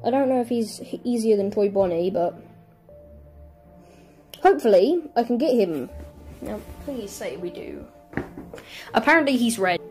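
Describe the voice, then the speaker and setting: A woman playing a horror game from her bedroom, with excitable, squealing commentary and sudden yelps. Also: medium pitch, measured pace, long pauses. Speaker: gaming YouTuber. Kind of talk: excitable let's-play commentary. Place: home bedroom. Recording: faint game music behind.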